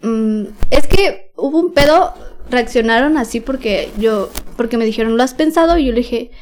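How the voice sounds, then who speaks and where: Young Mexican woman guest with a slightly high voice, candid, slangy, lots of fillers. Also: animated, normal speed, darkish tone. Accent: Mexican Spanish. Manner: slangy, frank, with many fillers and nervous laughs. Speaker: podcast guest. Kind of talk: candid personal storytelling.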